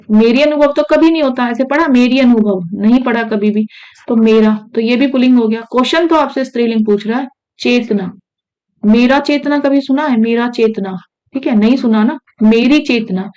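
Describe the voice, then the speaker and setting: Lady teacher doing hindi grammar exam prep, a bit high voice, keeps asking the students stuff. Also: a little mellow, low-quality recording. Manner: repeats "ठीक है" often, asks students questions.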